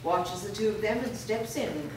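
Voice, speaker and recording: During a staged screenplay reading, a woman reads stage directions as narration, her mid-range voice moving at a moderate pace. The audio is distant and very echoey, captured in a reverberant room with background noise.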